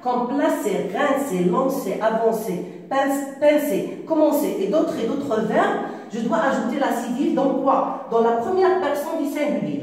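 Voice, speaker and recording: A woman's voice: a little high, mellow. A woman teaching a grammar lesson to a primary class, explaining step by step and asking questions as she goes. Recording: echoey room, voice from far off.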